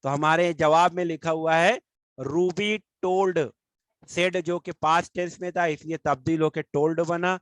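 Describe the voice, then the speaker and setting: Man from India, teacher, grammar lesson, fairly high voice, dry close sound, drawn-out example sentences. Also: steady tone, no echo, rough recording. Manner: slows down and stretches out English example sentences.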